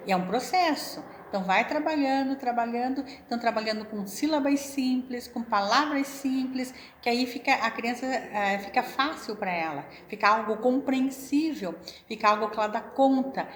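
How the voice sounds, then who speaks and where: A woman's voice: fairly high pitch, a little hiss or hum. Patient woman explaining, echoey room. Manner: patient, explanatory, frequent "né" fillers, sounds out syllables slowly. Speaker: literacy educator. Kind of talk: informal teaching talk to camera.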